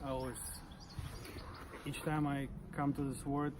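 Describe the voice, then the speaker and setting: A Russian-accented man in his forties chats casually as an interview guest, stuttering with blocks and repeated sounds. His mid-range voice is flat and unhurried, and the recording is noisy and outdoors, with birdsong in the background.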